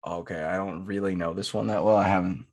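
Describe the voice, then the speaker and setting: A man's voice: deep voice, fairly even intonation, fast, a little mellow, dry recording. Laid-back man on a dry podcast mic. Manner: laid-back, slangy banter. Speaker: podcast co-host. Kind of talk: casual chat.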